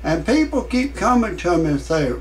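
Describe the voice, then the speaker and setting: A man in his sixties hosting a comedic parody monologue, rambling in a deadpan way with many fillers. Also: moderate pace, slight background noise, rough recording. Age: 60s. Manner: shouts quoted lines in a much higher voice. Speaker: parody show host.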